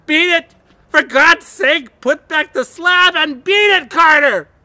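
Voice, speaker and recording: A man voicing a doomed, terrified man in a horror reading, with a hoarse, quivering voice and a desperate, urgent delivery. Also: very high-pitched, slow pace, sharp tone, no room sound, voice pushed up, exaggerated voice. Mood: screaming despair. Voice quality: hoarse, breathy, quivering, often whispering or screaming. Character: doomed adult man, terrified yet self-sacrificing, calling from below.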